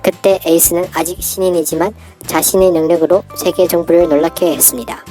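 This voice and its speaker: A narrator whose voice is disguised by a downward pitch shift, reading a scripted story-style character breakdown with steady delivery and falling sentence ends. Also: a little fast, faint music behind.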